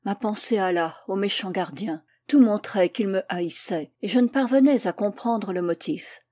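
A woman calmly reading a first-person novel aloud in a measured way. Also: mid-range voice, no room sound. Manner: calm, measured. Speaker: audiobook reader.

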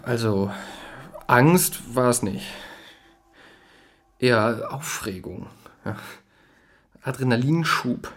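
In a radio play, an actor portrays a neurotic young man who is proud of his status and easily rattled, speaking haltingly and repeating himself. His mid-range voice is expressive and a bit bright, and the mood is bleak and reflective.

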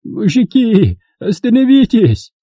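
A man's voice: high voice, wildly swooping pitch, a little fast, dark tone, no room sound, voice pushed up, heavily acted. A man voicing a begging terrified dealer. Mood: pleading. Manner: pleading, babbling, near tears. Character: terrified middle-aged male dealer, begging for his life. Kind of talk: audiobook reading.

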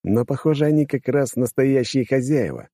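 A man reading a first-person audiobook in a brash, coarse, lively way, close to the mic. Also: medium pitch, normal speed, no echo. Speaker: audiobook reader.

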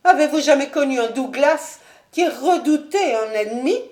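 A woman's voice: sits high, lively intonation, normal speed, a little mellow, pitched above the performer's own voice. A woman voicing a proud, imperious noblewoman who speaks sharply and with disdain, in a roomy recording. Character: haughty proud noblewoman, imperious lady of the house.

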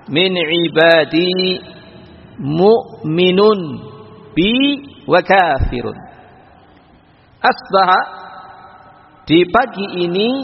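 Male preacher, measured lecture delivery, slow chanted Arabic lines, husky tone; dull lo-fi hall recording. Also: high voice. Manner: measured, chants Arabic phrases slowly then explains. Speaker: Islamic preacher. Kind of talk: sermon-style religious lecture. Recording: lo-fi recording with long hall reverb.

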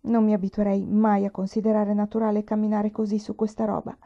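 A woman voicing a calm, good-natured young peasant man who speaks plainly. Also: medium pitch, a little fast, natural voice. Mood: wondering. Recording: dull lo-fi recording.

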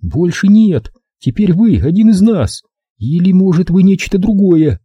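A man's voice: high voice, expressive, a little slow, warm tone, husky, no echo, muffled recording, pitched above the performer's own voice, heavily acted. A man voicing a snapping, furious chained woman. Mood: defiant. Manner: bitter, snapping. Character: angry chained adult woman captive.

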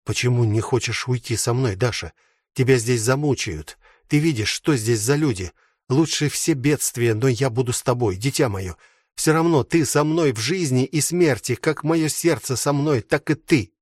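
A man reading an audiobook, voicing a young man who speaks quietly and earnestly. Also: mid-range voice, moderate pace, dry recording, studio quality, close to an everyday voice. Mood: tender earnest.

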